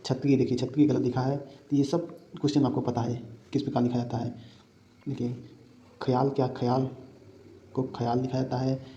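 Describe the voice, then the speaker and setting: A man teaches spelling for exam prep, saying each word over and throwing quick questions back at his students. His voice is very dark and mellow and sits at a middling pitch for a man. The recording sounds dull and lo-fi. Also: level tone, a little hiss or hum. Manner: repeats words and asks the class rhetorical questions.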